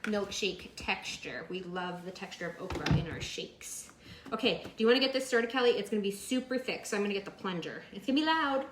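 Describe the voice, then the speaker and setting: A woman's voice: medium pitch, animated, brisk. A woman co-hosting a home cooking demo, chatting casually as she talks through each step. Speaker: cooking show co-host. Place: home kitchen. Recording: echoey kitchen with loud noise. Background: blender and kitchen clatter.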